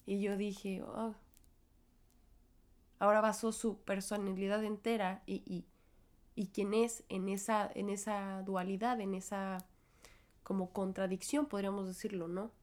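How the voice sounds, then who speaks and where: A woman's voice: medium pitch, flat delivery, normal speed, a little mellow. A young woman with a Mexican accent and a cold, hosting a reflective solo podcast and talking in a chatty, self-interrupting way. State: has a cold and a cough. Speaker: podcast host.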